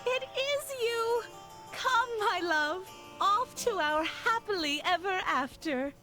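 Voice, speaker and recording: A woman's voice: very high voice, expressive, slow pace, sharp tone, heavily acted. A woman playing a young, lovestruck fairy-tale beauty in theatrical game melodrama, drawing out her words. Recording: music behind the voice.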